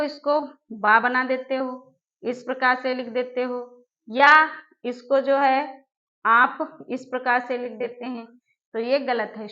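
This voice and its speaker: Slow, bright-voiced woman teaching spelling. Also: high-pitched, dull audio. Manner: asks the class questions and answers them herself, slowly repeating each word. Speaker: Hindi teacher. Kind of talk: exam-prep spelling lesson.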